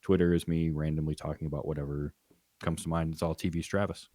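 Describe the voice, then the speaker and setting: A man talking as a podcast guest, rambling and animated as he tells stories. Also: extremely low pitch, quick pace, no echo. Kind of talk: casual chat.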